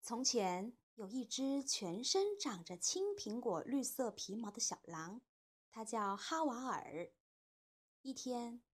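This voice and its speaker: A mother hosting a children's program, gently and expressively narrating a storybook. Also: fairly high pitch, breathy edge.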